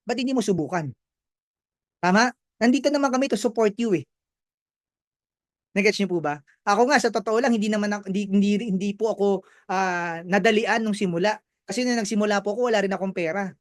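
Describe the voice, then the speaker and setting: Brief: young male presenter, high voice, dry close sound, lively chatty motivational pitch. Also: no room sound. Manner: energetic, chatty, keeps asking "right?". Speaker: business presenter. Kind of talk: motivational sales talk.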